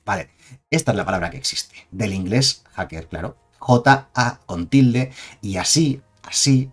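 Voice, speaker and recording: A man's voice: fairly low pitch, husky. A man with a Spain Spanish accent giving chatty, digressive live-stream commentary on game cards and reading chat aloud.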